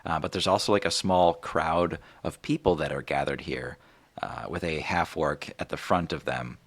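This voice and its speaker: A man's voice: very deep voice, moderate pace. A man narrating a tabletop game as game master, casual and full of fillers.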